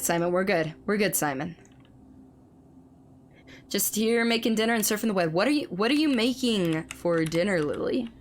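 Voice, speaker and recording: A woman streamer chatting through live gameplay commentary, reading and answering chat, her voice slightly hoarse as it recovers. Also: on the low side, slight background noise.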